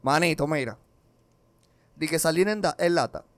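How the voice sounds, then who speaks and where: Dominican guy co-hosting a podcast, high-ish smooth voice, dry close sound, keeps saying wait wait. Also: moderate pace, no echo. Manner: animated storyteller, keeps cutting in with "espérate". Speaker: podcast co-host. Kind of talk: casual chat.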